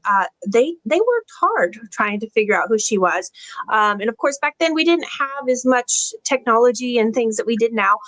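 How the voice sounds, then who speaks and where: A woman hosting an interview, talking in a gentle, reassuring way with many fillers. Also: a little high, no echo, low-quality recording. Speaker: interview host. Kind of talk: conversational interview.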